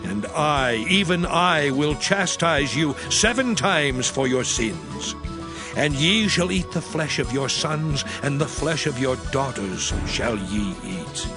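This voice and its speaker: A stern God of the Old Testament, speaks over prominent music. The voice sits a little high and delivers scripture as solemn, measured declamation, a lawgiver pronouncing judgment in an audio drama. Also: male voice, big pitch swings. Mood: stern, wrathful.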